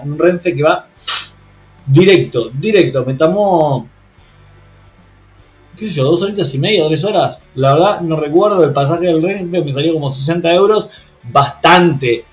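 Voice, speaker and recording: A man with an Argentine accent, a vlogger telling casual stories in an animated way, with slang and sound effects. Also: fairly high pitch. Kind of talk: casual anecdote storytelling.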